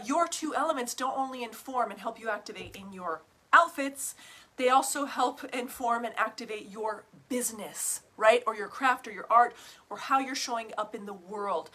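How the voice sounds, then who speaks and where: A business coach who hosts an online group greets her livestream viewers in a bubbly, over-the-top way, full of whoops, pet names, casual cursing, and check-ins like "right?" and "okay?". Her voice is fairly high, bright and forceful.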